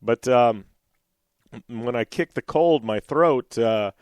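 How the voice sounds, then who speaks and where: His speech on the radio is slow and meandering, packed with "you know" and false starts. A cold has left his medium-pitched voice a bit raspy, though it stays smooth, resonant and a little mellow. The audio is dull and close, with no sense of a room.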